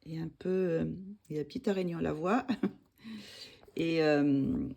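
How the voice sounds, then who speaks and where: A woman chats at home about her finished coloring pages. Her voice sits low and sounds warm and mellow. She keeps pausing on fillers and correcting herself as she goes. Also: creaky. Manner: hesitant, many fillers and self-corrections. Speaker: coloring hobby vlogger. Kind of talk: casual show-and-tell of finished coloring pages.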